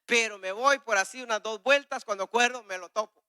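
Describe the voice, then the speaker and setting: A man preaching a sermon with a personal testimony, swinging between loud, urgent exhortation and hushed, confessional asides as he acts out conversations. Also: sits high, fairly quick, clear, resonant tone, no echo, clean studio sound. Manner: acts out dialogues with God and others.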